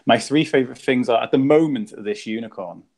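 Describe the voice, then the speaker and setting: A man's voice: mid-range voice, brisk, vocal fry. A man, a mindset coach chatting casually as a guest on a live stream and telling joking stories. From Liverpool, England. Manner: relaxed, joking, rambling anecdotes.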